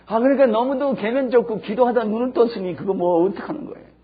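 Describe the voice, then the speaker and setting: A man preaching a sermon, telling stories with emphasis and swinging between hushed and loud. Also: very high voice, quick pace. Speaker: pastor. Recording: dull lo-fi sermon recording.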